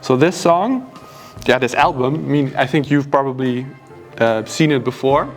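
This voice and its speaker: A musician recommending albums in a record store, talking in an enthusiastic, easygoing way. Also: male voice, mid-range voice, moderate pace, soft background music. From Belgium. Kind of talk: casual chat about favorite records.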